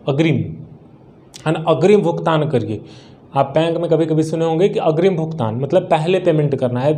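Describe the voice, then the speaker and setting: A man's voice: fairly high pitch, warm tone. A man teaching a spoken English lesson, repeating each word in drills and answering his own questions.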